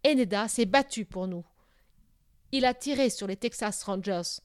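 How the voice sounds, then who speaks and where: Lady doing a calm steady chief guy, low muffled voice, dry close sound. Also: a little slow, clear, resonant tone, no echo, natural voice.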